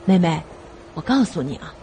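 A woman's voice: on the low side, very animated, normal speed, dark tone, slight background noise, voice pushed down. A woman voicing a brash, cocky young man, the cheeky second brother.

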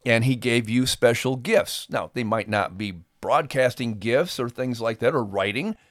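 Here the same kind of middle-aged podcast host and ministry performer chats with listeners, earnest and folksy in tone. He has a medium-pitched voice and talks a little slowly. The audio is dry and clean, as from a studio.

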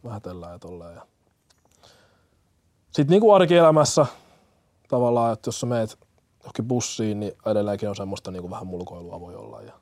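Young male paramedic from Kenya, earnest and halting, low-pitched, dry studio sound. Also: animated, darkish tone, no echo. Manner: earnest, hesitant, many fillers and restarts. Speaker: firefighter-paramedic. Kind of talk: interview answers.

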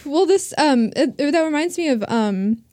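A woman from North Carolina chatting casually, hesitant with fillers and quick to agree. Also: high-pitched, lively intonation, mellow, no room sound. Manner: chatty, hesitant, laughs along. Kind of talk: casual chat.

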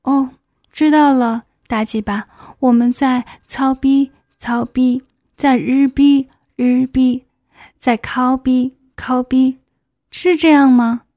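A woman voicing a shy married schoolteacher in an adult audiobook, speaking in a breathy voice that often drops to a whisper. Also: high voice, steady tone, slow, dark tone, dry recording, studio quality. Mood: breathy aroused.

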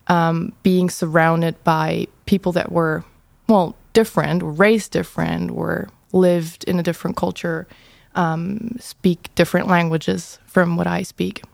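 Gravelly-voiced young woman from Germany. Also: fairly low pitch, no echo. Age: 20s. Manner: articulate, reflective storytelling. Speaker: student guest. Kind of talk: podcast discussion.

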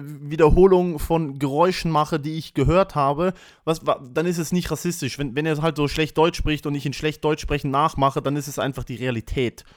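A man's voice: a little high, no echo. Hyper, rambling man in a dry room. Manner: rambling, crude, wired and hyper. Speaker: podcast host. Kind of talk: casual comedic monologue. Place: small room at home.

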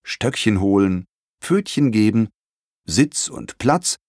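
A man narrating a children's storybook in an expressive, animated reading. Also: lowish voice, takes it slowly, no echo, clean studio sound. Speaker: audiobook narrator.

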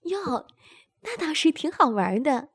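A woman voicing an eager young woman who exclaims loudly in an adult audio story. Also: high-pitched, big pitch swings, unhurried, breathy edge, dry recording, clean studio sound, full character voice. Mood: delighted.

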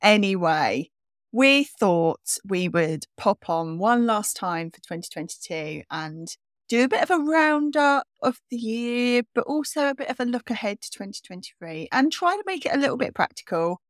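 A woman co-hosting a podcast in casual, self-mocking chat, with a croaky morning voice. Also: mid-range voice, expressive, no room sound, studio quality. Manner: chatty, self-mocking, quick restarts. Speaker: podcast co-host.

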